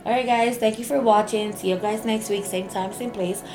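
A woman's voice: mid-range voice, steady tone, moderate pace. A woman co-hosting a podcast in casual chat, playful and teasing, often laughing. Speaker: podcast co-host. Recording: echoey room with faint noise.

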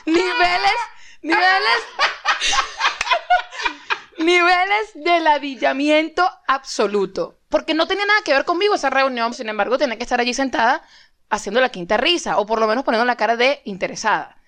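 A woman's voice: a little high, expressive, rapid-fire, a bit bright. A young Venezuelan woman co-hosting a podcast in slangy casual chat, laughing often. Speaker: podcast co-host.

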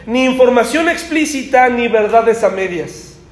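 High-voiced preacher in an echoey room. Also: male voice, lively intonation, unhurried. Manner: conversational, asks the congregation rhetorical questions. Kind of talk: sermon.

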